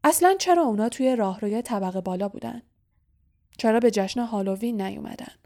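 A woman's voice: fairly high pitch, warm tone, lightly acted. A woman voicing a cold, suspicious male teacher who speaks in a cool, insinuating way and presses with probing questions. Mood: sneering.

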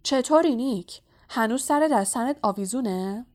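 A woman's voice: on the high side, animated, lightly acted. A woman voicing a boisterous, mocking headless male ghost in a storybook reading. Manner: loud, mocking, hearty.

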